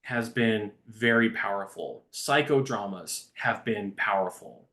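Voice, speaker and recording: Speaking in a lowish voice at a measured pace, this man is a recovery coach being interviewed conversationally. He is earnest and becomes animated while telling a story.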